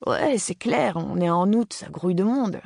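Narrator plays a nervous teen stoner hiker, mumbling slang, pitched up, dry. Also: male voice, expressive, normal speed, vocal fry, a little mellow, no echo, full character voice. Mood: defensive.

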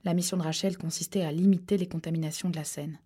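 A woman reading a suspense novel aloud, steady and measured. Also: lowish voice, slightly rough. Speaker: audiobook narrator. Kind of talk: scripted narration.

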